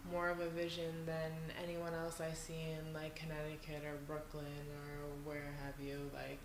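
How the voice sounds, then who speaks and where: A woman's voice: deep voice, completely flat delivery, moderate pace, noisy background. A woman from New York hosting a casual podcast interview in someone's living room, chatty and full of fillers. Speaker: podcast host. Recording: echoey room.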